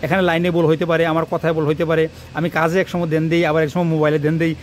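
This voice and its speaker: A man, an electrician talking quickly and repetitively through a hands-on wiring tutorial, recorded on a phone in a workshop. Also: on the high side, completely flat delivery, a little hiss or hum. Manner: fast, rambling, repeats himself while working. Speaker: electrician teaching wiring on his channel. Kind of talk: hands-on tutorial talk to camera. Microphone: phone camera propped nearby.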